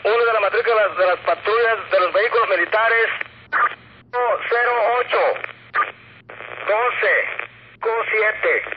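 A man dictating an incident report over a two-way radio as a police officer, haltingly and repeating phrases. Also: sits high. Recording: dull, noisy two-way radio transmission.

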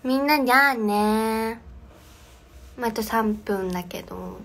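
This is a young woman hosting a livestream from her home, speaking into her phone. Her voice sits a little high, and her talk is loose, casual chat. She reads out viewers' comments and replies to them as she goes. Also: measured pace, gravelly, a bit bright, a little hiss or hum. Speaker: livestream host. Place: home, indoors.

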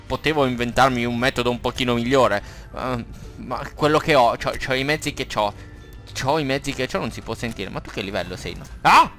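A man with an Italian accent doing let's play commentary, excitable, swearing and yelling at the game. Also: mid-range voice. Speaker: gameplay commentator.

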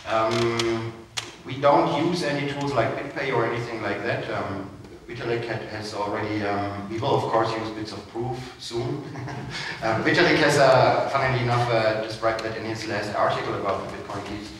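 Male panelist, 40s, chatty and animated, headset mic in an echoey hall. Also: medium pitch, moderate pace. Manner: animated, gesturing, relaxed and chatty. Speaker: conference speaker. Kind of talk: panel talk answering questions. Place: conference stage, seated in a large hall. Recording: echoey hall from far off, noisy.

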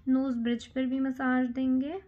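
A woman beautician calmly explaining a facial massage step by step in a salon, counting strokes aloud as she works. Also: high-pitched, unhurried, phone-quality sound. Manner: calm, counts strokes aloud while working. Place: salon treatment room.

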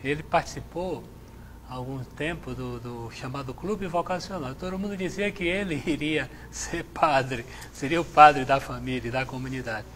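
A middle-aged man, a Jesuit priest from Salvador, answering interview questions in a measured, reflective way on a lapel mic in a TV studio. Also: medium pitch, fairly bright tone, a little hiss or hum. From Salvador, Bahia, Brazil. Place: TV studio with chapel set.

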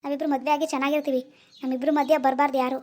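A young man playing a stubborn village man who argues quickly and bluntly in a village drama. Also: very high-pitched, little pitch movement. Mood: explaining.

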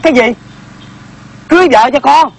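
A man's voice: extremely high pitch, normal speed. An actor playing a grown son of about thirty who mocks his sister and talks back to his mother. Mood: mocking. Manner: gruff, mocking. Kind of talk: Vietnamese reformed opera comedy acting.

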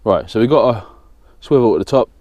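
In a mid-range, slightly mellow voice and at a fairly quick pace, a southern English fishing-channel host in his thirties demonstrates a rig step by step. He keeps it plain and practical, working with his hands in a small studio decorated with a banner backdrop.

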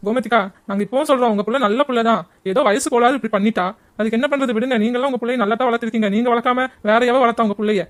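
A woman voicing a cheeky, bossy young village woman in a cartoon, brash and rapid-fire. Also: fairly high pitch, fairly even intonation, natural voice. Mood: consoling. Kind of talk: cartoon voice acting.

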